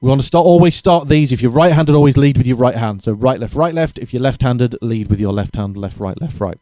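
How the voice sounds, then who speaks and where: A man giving a casual drum lesson, chatty and relaxed, correcting himself and counting beats aloud, with drums played between his explanations. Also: medium pitch, fairly quick, no echo. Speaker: drum teacher. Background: drumming between explanations.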